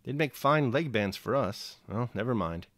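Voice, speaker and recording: A man voicing a gentle old peasant soldier who speaks in homely proverbs, his voice raised above his own. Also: medium pitch, expressive, normal speed, no room sound, close to an everyday voice. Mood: musing. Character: kindly old male peasant soldier, folksy.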